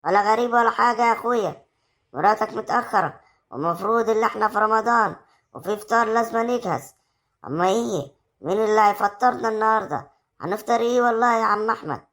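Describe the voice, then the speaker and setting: Talking fast in a somewhat bright voice, an actor with an Egyptian accent portrays an overbearing village mother berating her daughter-in-law in an amateur family drama. The scolding is shrill and confrontational.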